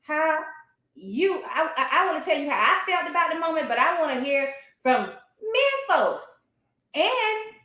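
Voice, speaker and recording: A woman in an animated, casual sports discussion, speaking emphatically and colloquially with strong opinions. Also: high-pitched, unhurried. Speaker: boxing talk show commentator. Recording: roomy, echoey sound.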